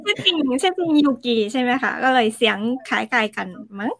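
A Japanese woman with a Japanese accent, speaking as a guest in a casual interview, with slightly halting, non-native phrasing. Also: sits high, lively intonation, crowd noise. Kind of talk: casual live-stream interview.

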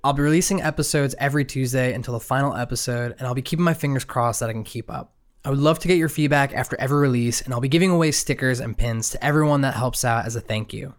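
A man's voice: mid-range voice, fast talker. A man speaking as the host of an interview podcast.

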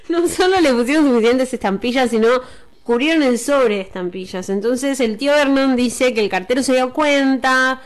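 A woman's voice: high voice, normal speed. Playful Argentine woman co-host. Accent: Argentine Spanish. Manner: playful, laughs often. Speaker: podcast co-host. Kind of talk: casual chat.

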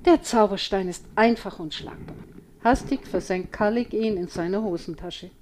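A woman reading a children's story aloud with slow, expressive storytelling. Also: mid-range voice, slight background noise. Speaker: audiobook reader.

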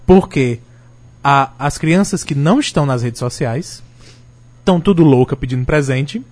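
A man's voice: mid-range voice, normal speed, darkish tone. A man chatting on a podcast panel, joking and laughing often between lines. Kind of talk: casual chat.

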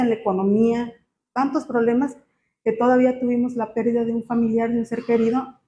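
A woman gives a personal church testimony, speaking in a halting, emotional way with many fillers. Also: a little high, a little mellow. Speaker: church member giving testimony. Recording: muffled, slightly noisy.

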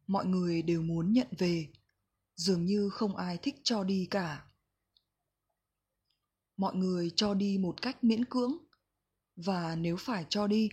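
Breathy woman reading gently. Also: fairly low pitch. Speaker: book reader. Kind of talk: calm reflective book reading.

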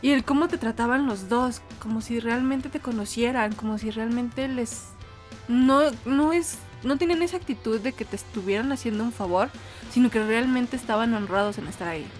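Animated woman telling a story. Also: a little high, moderate pace, soft background music. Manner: animated, acts out quoted voices, laughs often. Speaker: podcast co-host. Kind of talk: casual storytelling chat.

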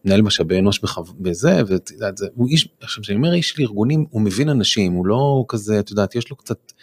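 A man in his forties, telling a personal story as a guest on a studio podcast, halting with many fillers and restarts. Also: fairly low pitch, lively intonation, breathy edge. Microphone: studio microphone.

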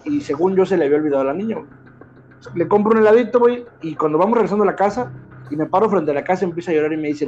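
Mexican man in his thirties, brisk talker, slangy and animated, slightly raised voice, dull lo-fi audio with faint music behind. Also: high-pitched. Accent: Mexican Spanish. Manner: slangy, animated, peppers speech with filler words. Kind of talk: casual storytelling chat.

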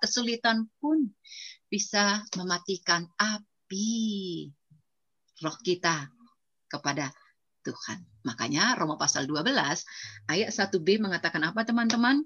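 A middle-aged woman preacher giving a lively sermon to young adults, acting out quoted voices and sound effects as she goes. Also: mid-range voice. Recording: dull lo-fi recording.

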